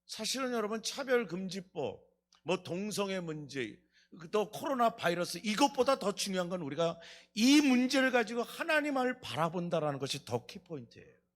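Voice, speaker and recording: Fervent high-pitched male preacher. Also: very animated, moderate pace, fairly bright tone. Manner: fervent preaching, questioning the congregation and acting out quotes. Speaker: pastor. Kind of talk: Friday night revival sermon. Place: church sanctuary.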